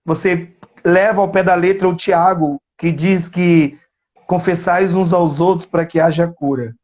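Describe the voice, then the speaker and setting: High-voiced Brazilian man telling a case story. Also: steady tone, darkish tone. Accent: Brazilian Portuguese. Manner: earnest, slows down to stress key words. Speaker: psychoanalyst. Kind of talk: storytelling in a live interview. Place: remote live stream.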